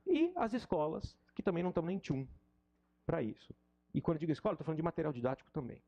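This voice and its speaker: A man's voice: fairly high pitch, fast, muffled recording. A middle-aged man with a Brazilian Portuguese accent, an English teacher giving an informal, joking lesson and mocking his students. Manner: animated and joking, mocks students.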